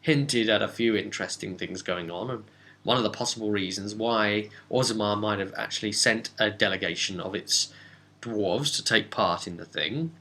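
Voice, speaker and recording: A man with a fairly low voice talks at a normal speed, his delivery pushed and bright. He's a game master and vidcast host, chatty and rambling as he casually recaps a tabletop role-playing session, now and then slipping into character dialogue.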